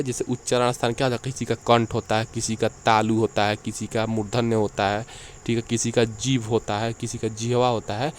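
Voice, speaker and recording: A man's voice: mid-range voice, slight background noise. Man teaching an exam-prep lecture. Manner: explains point by point, often adds "ठीक है".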